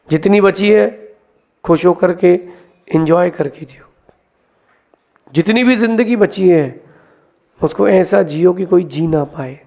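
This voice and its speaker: A man, a monk, giving a sermon, telling parables in a lively teaching way and mixing in English words. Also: high-pitched, vocal fry. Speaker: Jain monk giving a discourse. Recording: dull lo-fi sound.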